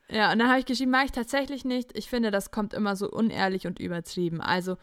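A woman's voice: a little high, no room sound. Young woman podcast host, chatty, acts out texts from some guy, dry mic. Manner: animated storytelling, quoting texts in chats. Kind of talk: casual podcast chat.

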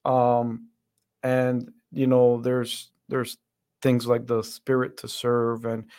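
A man from the Dominican Republic, a guest on a podcast, reflecting earnestly on his views. His voice sits at a middle pitch but stays fairly flat, and he often circles back with fillers and repeated words. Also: takes it slowly. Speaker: podcast guest, center director. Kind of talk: interview conversation.

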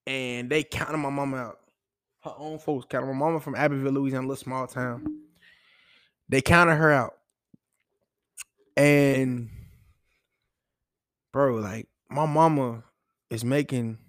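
A young man who plays college football talks casually and with real feeling in an interview, repeating himself and saying "bro" a lot. His mid-range voice is a bit bright, recorded at studio quality with no echo.

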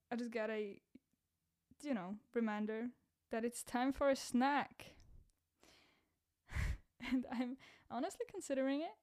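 A young-sounding woman hosts a casual solo podcast, her voice a little high with a darkish tone, slightly rough and prone to cracking. She's a podcaster and content creator who rambles chattily, pokes fun at herself, and laughs at her own jokes.

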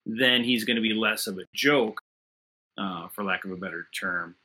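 A man's voice: fairly low pitch, normal speed, pushed and bright. A man on a remote call with a connection that breaks up, making a thoughtful case in a casual panel discussion and building his points through questions. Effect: remote call audio, connection breaking up. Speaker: podcast panelist. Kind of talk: casual pop-culture discussion.

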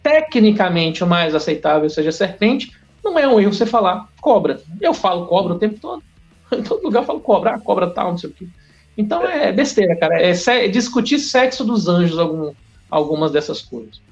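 A Brazilian biologist, a man, talking as a podcast guest in an animated, slangy, emphatic way. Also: sits high, fairly quick, creaky. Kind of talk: casual podcast chat. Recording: dull lo-fi audio with faint music.

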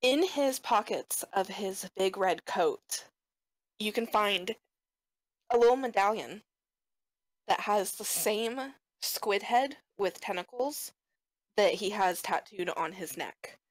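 A woman running a tabletop game as game master, narrating slowly and descriptively. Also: mid-range voice, dry recording, poor audio.

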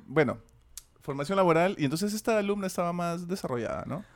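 A man, co-hosting a casual chat and telling school stories, laughing often and mimicking a shouting teacher. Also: high voice, animated, fast talker.

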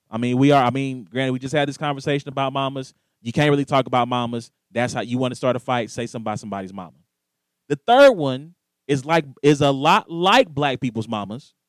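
On a dry recording, the casual sports show host speaks in a mid-range voice, spinning lively tales. Whenever he quotes someone, he acts out their voice with gusto.

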